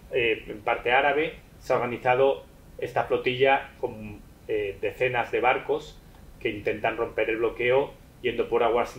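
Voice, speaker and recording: A man calmly explaining in a conversational talk, hesitant with many fillers and restarts. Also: mid-range voice, rough recording.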